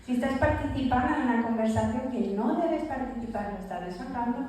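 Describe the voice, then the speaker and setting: A woman's voice: on the high side, brisk, a little mellow, slight background noise. A woman preaching a sermon, emphatic, repeating key phrases and asking listeners to imagine along with her. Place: church. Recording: echoey church hall, mic at a distance.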